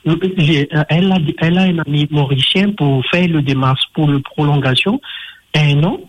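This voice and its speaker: A man from Madagascar, calling in on a speakerphone and speaking in a halting way that keeps repeating words. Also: on the high side. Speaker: caller. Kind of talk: radio call-in. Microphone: phone on speakerphone. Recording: dull phone line, faint noise.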